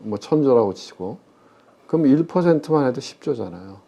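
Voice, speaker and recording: A middle-aged man, a former pension fund chief investment officer, speaks as an expert guest in a conversational interview about public finance. His mid-range voice is expressive, warm and creaky, moving at a moderate pace. He is emphatic and often poses questions only to answer them himself, and the sound is slightly muffled.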